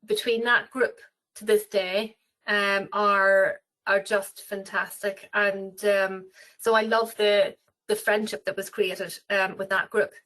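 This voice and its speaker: A woman's voice: mid-range voice, level tone, takes it slowly, fairly bright tone, rough recording. Chatty Irish woman, many ums. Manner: rambling, many fillers and restarts. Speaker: travel company representative. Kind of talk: webinar interview.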